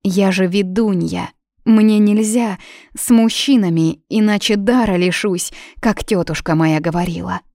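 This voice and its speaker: Stubborn shy young witch, put on by a woman, flustered, defiant, raised pitch, storybook reading. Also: steady tone, a little slow, darkish tone, dry recording, clean studio sound, natural voice.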